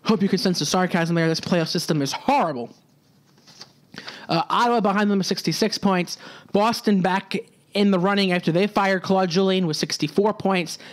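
High-voiced young man hosting a sports podcast. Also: moderate pace. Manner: casual, sarcastic asides, frequent restarts. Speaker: podcast host. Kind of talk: solo hockey podcast talk.

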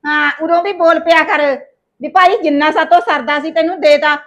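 A nagging middle-aged mother-in-law from a village drama, grumbling about her family, played by a woman. Her voice sits high and she speaks, scolding and complaining at length. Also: fairly even intonation, fairly quick, muffled recording. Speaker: actor in a short village drama. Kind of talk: scripted village short film acting.

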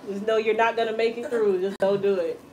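A woman's voice: medium pitch, fairly even intonation, brisk, darkish tone, a little hiss or hum, poor audio. A woman hair stylist chatting casually as she explains her work in a small salon, laughing at viewer comments. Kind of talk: casual salon tutorial livestream.

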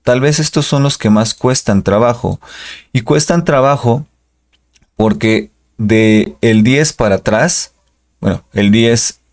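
A man's voice: mid-range voice, takes it slowly. A Spanish-speaking man giving an English pronunciation lesson, patiently repeating each model word. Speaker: English teacher.

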